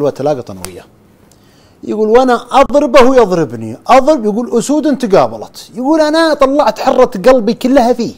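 Fast-talking Saudi man telling a story. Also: a little high, mellow. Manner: keeps repeating "he says" while retelling a friend's account. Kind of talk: storytelling narration.

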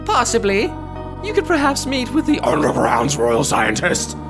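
A man voicing a gentle, motherly goat queen who speaks formally and sentimentally. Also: high voice, wildly swooping pitch, normal speed, gravelly, voice pushed up, heavily acted. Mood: kindly. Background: game music.

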